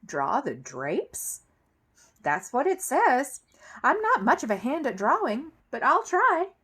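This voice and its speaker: Woman playing storybook housekeeper, cheerful, eager, literal-minded, folksy, high exclamations, swooping pitch. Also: wildly swooping pitch, slow, a bit bright, husky, exaggerated voice. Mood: puzzled, willing. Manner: folksy, exclaiming, talking to herself.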